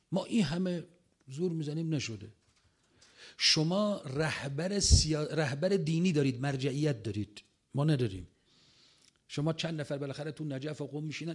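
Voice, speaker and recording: A man's voice: medium pitch, slightly rough. A man telling an audience about a long conversation, acting out the quoted lines as he retells them.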